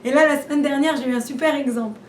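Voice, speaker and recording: A woman's voice: high voice, fast talker. A woman giving an informal class, chatty and full of rhetorical questions, repeating and restarting as she talks. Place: room where she teaches a class. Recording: roomy and distant, faint background noise.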